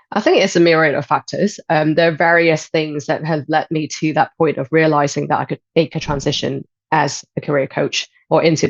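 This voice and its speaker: A woman's voice: sits low, vocal fry, no room sound. Thoughtful woman guest, dull dry sound. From Hong Kong. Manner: thoughtful, measured, frequent "um". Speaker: guest, life and transition coach. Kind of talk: podcast interview.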